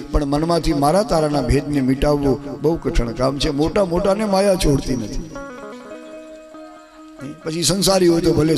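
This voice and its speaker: Gujarati man, katha preacher, storytelling sermon over steady devotional music. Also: fairly high pitch. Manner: storytelling with rhetorical asides to devotees. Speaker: Shiv Puran katha preacher.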